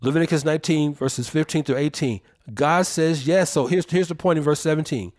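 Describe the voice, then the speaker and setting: Emphatic man with a higher voice. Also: darkish tone. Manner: emphatic, preacherly, drawn-out stresses. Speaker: podcast co-host. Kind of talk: opinionated podcast commentary.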